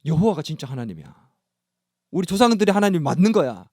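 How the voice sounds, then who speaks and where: A man's voice: a little high, big pitch swings, fast, darkish tone, no echo, clean studio sound. A man preaching, voicing a shaken king hurriedly reporting events to his queen. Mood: anxious.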